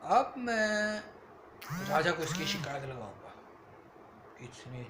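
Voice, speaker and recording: A man voicing a sly male thief in a bedtime story, talking low and scheming. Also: sing-song, slow, reverberant, background noise.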